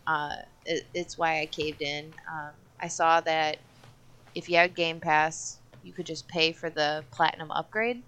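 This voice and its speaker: A woman co-hosting a podcast, relaxed and chatty about the games she plays. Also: low voice, clean tone. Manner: relaxed and chatty, quick to agree. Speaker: podcast co-host. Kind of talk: casual podcast chat.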